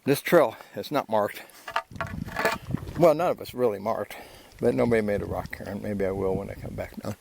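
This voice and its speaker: Gravelly older man hiking outdoors. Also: lowish voice, moderate pace. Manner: easygoing, rambling, with fillers. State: out of breath. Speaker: hiking vlogger. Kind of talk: casual trail narration while hiking. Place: outdoors on a canyon trail. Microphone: handheld camera while walking. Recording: loud outdoor noise.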